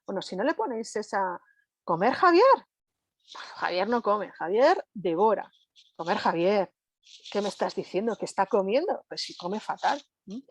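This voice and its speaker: A woman's voice: medium pitch, expressive, a little fast, hardly any pauses, breathy edge, no room sound. A woman from Spain giving a live online lecture, talking conversationally and constantly checking in with her audience.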